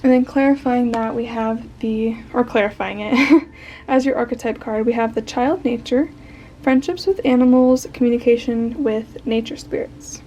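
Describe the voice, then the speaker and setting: Young woman doing a pick a card tarot reading, kinda high voice, tired and croaky, rambles a lot. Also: slight background noise. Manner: chatty, rambling with fillers and soft laughs. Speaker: tarot reader.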